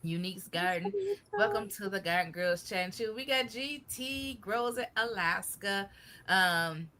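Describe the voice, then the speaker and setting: A woman's voice: medium pitch, lively intonation, a little slow. Chatty woman greeting a live chat. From Michigan. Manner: chatty, warm greetings with Southern-style "y'all". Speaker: co-host of a live gardening chat. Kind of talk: casual live-stream chat.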